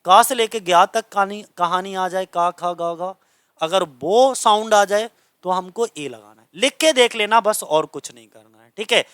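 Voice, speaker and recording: A man from India teaches a grammar class, with a high voice and a crisp, smooth tone. He explains patiently, says each rule again and keeps asking if students understand. The recording is dry and close. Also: moderate pace, a bit bright, no echo. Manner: explains patiently, repeats points and checks understanding. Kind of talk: classroom lesson. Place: coaching centre classroom.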